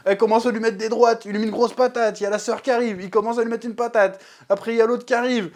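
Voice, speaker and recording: A young man with a high-pitched voice talks through a TV episode in a loose, slangy way. He is animated and keeps slipping into quick acted voices to replay the scenes. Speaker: TV series reviewer. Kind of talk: casual episode review.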